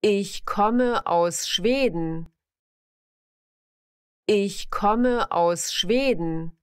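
A medium-pitched female voice reads out simple sentences for language learners at a slow pace. She articulates each word carefully, repeats every sentence, and keeps her delivery measured, even, and clear.

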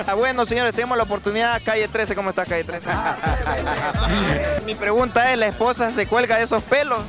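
A man's voice: high-pitched, brisk, a loud crowd. A young man with a Guatemalan Spanish accent doing joking street interviews at an outdoor fair, teasing passersby into a handheld mic. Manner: teasing, laughs a lot, calls out to passersby. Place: outdoor fairground. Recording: music from the fair behind.

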